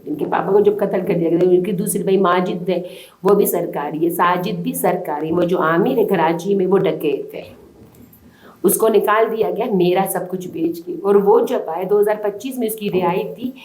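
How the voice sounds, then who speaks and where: Speaking to a reporter as an interviewee, a Balochistani woman from Pakistan gives distressed, urgent testimony in a voice that's on the low side and a little mellow. The room adds noticeable echo.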